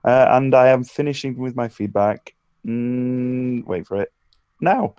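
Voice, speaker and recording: Speaking a little slowly in a medium-pitched voice that is slightly mellow, clear and resonant, an English man gives casual script feedback after a table read. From England, he talks hesitantly with dry humour. The remote online voice call has no room sound.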